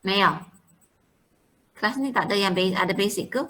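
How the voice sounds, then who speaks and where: A woman leads a classroom pronunciation drill. Her voice is bright and forceful, and she repeats each word slowly and clearly. She switches into English now and then. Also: mid-range voice, poor audio. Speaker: Mandarin language teacher.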